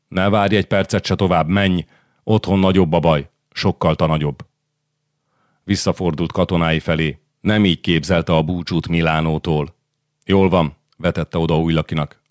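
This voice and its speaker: A man with a very low voice reads a historical novel aloud in a measured, even storytelling manner. The sound is dry and close, with no room around it. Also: dry recording. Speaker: audiobook narrator. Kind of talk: scripted audiobook narration.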